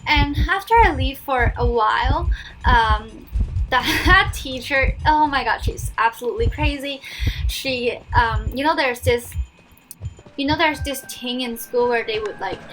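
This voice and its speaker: This gaming vlogger is a young woman with a high voice and a Cantonese accent who tells stories in an unhurried, casual way while she plays, stumbling into fillers and restarts. Loud game music runs under her voice-over, and the recording quality is low.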